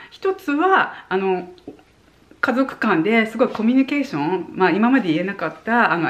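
A woman in her forties, from Japan, talks casually to her viewers with lots of gentle filler words. Her voice rises and falls widely, so she sounds animated as she acts out how tone changes what words mean. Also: medium pitch. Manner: chatty, with many soft fillers and friendly asides; animated, demonstrating points with voice tone. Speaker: vlogger. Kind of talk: casual advice talk to camera.

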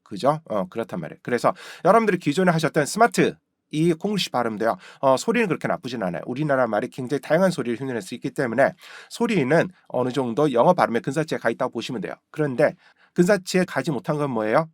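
Lively Korean-speaking male pronunciation teacher. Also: medium pitch, fast talker, dry recording, studio quality. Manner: repeats example words with exaggerated stress, asks "right?" often. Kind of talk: video pronunciation lesson.

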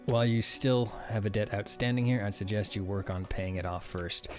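A man voicing a gloomy middle-aged fishmonger, talking slowly and wearily in a video game. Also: lowish voice, faint music behind, close to an everyday voice. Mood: grim.

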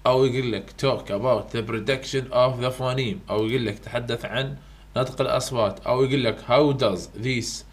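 A man's voice: medium pitch, fairly even intonation, moderate pace. A man with an Iraqi Arabic accent, a university English tutor going through exam question types in a casual, repetitive way, dropping English terms into his talk. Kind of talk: exam-prep lesson.

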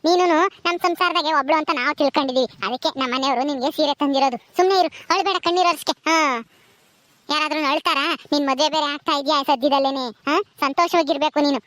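A woman's voice: sits high, quick pace, fairly bright tone. A woman playing a kind, motherly lady of the house who reassures and coaxes in a home comedy skit. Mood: soothing. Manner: reassuring, coaxing.

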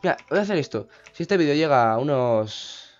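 A man's voice: on the high side, lively intonation, fairly quick, highs cut off, soft background music. A man giving casual, rambling gameplay commentary, often breaking into panicky outbursts. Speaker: gaming YouTuber.

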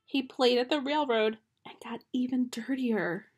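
Her voice is high and husky, and she keeps a measured pace as she gently reads a children's picture book at home. The young woman is recorded on a close webcam in a small bedroom.

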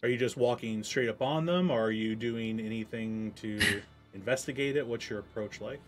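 A man narrating a tabletop game as game master, in a relaxed way with frequent ums. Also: mid-range voice, moderate pace, faint music behind.

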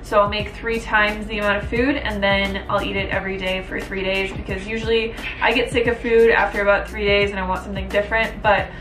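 A woman's voice: medium pitch, flat delivery, brisk. A woman giving a chatty, upbeat voice-over for a cooking vlog, explaining each step in a casual way. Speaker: vlogger. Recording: music playing behind. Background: background music.

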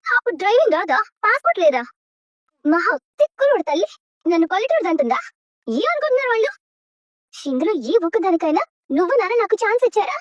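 A woman's voice: extremely high pitch, big pitch swings, no echo, lo-fi sound. An actress playing a spirited young woman who angrily refuses an arranged marriage in a TV serial drama. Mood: indignant. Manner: indignant, sharp, fast retorts. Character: spirited young woman, bride-to-be, angry and defiant.

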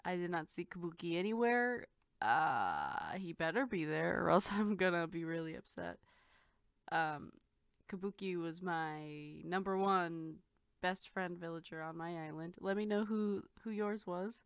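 A woman hosting a reaction video, talking casually and excitedly and swearing freely. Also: lowish voice, measured pace, clean tone, no room sound, clean studio sound. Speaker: host.

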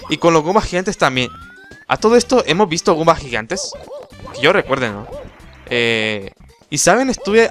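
A man giving casual, rambling gameplay commentary as a let's play host, with quick exclamations. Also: on the high side, fairly bright tone.

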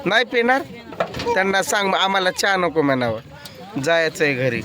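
A man's voice: sits high, very animated, normal speed, a crowd in the background. A man vlogging, chatting and teasing as he rides outdoors on a farm vehicle. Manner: teasing, bantering. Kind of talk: casual vlog chat and teasing. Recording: loud outdoor vehicle noise.

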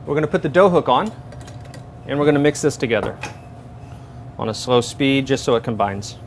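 A man's voice: mid-range voice, brisk, a little hiss or hum. A man in his thirties, a chef demonstrating recipes step by step in a large professional kitchen, on a lapel mic. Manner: steady step-by-step instruction. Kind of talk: cooking demonstration.

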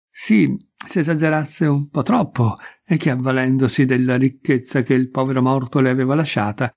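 A man reading a classic short story aloud in a measured, expressive narration. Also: medium pitch. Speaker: audiobook reader. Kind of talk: literary narration.

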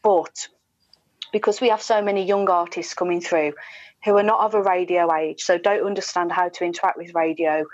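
Speaking from home on a video call through a wired earphone headset, this British radio presenter in her forties gives a candid, conversational interview. Her voice sits on the low side, steady and moderately paced, and she's chatty and emphatic, slipping in mimicked asides. The audio is dull with no room sound.

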